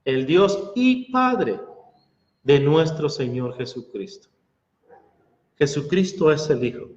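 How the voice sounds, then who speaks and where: A man preaches a sermon in a high, carrying voice, building his case through Bible verses and pointed rhetorical questions. His voice rings through a reverberant hall. The recording sounds dull and lo-fi. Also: lively intonation, slow pace, darkish tone.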